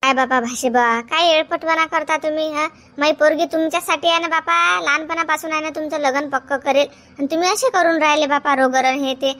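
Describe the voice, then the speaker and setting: A woman plays an anxious village woman. Her voice is high and very quick. She pleads and coaxes the others to calm down. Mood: pleading. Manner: pleading, coaxing.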